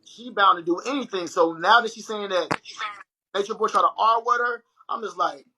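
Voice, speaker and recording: A man's voice: high voice, normal speed, slight background noise, rough recording. A young man hosting a casual livestream chat, telling stories animatedly and speaking straight to his viewers. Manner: animated storytelling, addresses viewers as y'all. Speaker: livestream host.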